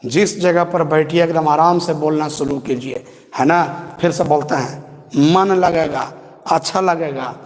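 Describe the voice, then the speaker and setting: A man teaches an online grammar lesson in a high voice. He chants his phrases slowly and fondly calls his pupils by pet names. His voice trails off in a long reverb. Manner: affectionate, addresses students as bauaa and babu.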